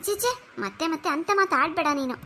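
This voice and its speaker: A young cartoon wife with a very high voice. She talks in a firm, encouraging way, like a caring elder sister. A faint hiss sits behind her. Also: expressive, fast talker, bright, forceful tone.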